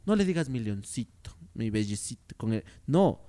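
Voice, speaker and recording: A young man, co-hosting a casual chat. He talks in an animated, joking way, rambling with restarts and slang. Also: medium pitch, moderate pace. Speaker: podcast co-host. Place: motel room.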